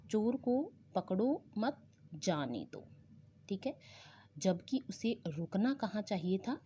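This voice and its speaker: A woman's voice: lowish voice, warm tone. A woman teaching a school language lesson in an online class, explaining patiently and often checking in with her pupils. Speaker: Hindi teacher. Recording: dull lo-fi recording with faint noise.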